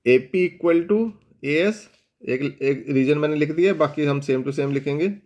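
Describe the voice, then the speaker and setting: Man, maths teacher, somewhat high voice, steady board explanation that slows for dictation. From India. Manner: mixes Hindi and English, checks in with students often; slows down to dictate English statements. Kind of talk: board lesson explaining geometry.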